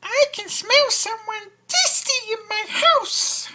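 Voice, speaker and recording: A man voicing a hungry, gloating old female witch from an adventure game, in a squeaky voice. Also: lively intonation, slow pace, bright, forceful tone, heavily acted.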